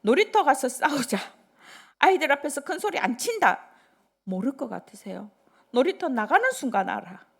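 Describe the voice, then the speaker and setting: An older woman pastor preaching a sermon in an animated, conversational way, dropping into whispers between loud bursts. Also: high-pitched, moderate pace, creaky.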